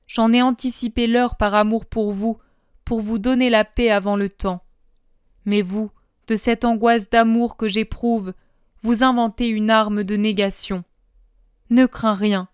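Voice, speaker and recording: A woman voicing Jesus as a calm, merciful man who speaks tenderly and slowly. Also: a little high, clean tone, no echo, studio quality, natural voice. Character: gentle merciful male Jesus, calm and forgiving.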